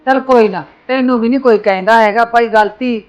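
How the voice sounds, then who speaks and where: An actress playing a fretful, kind mother who soothes her grown son with gentle pleading. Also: fairly high pitch, brisk, dull audio, faint music behind, lightly acted. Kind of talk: Punjabi short film acting.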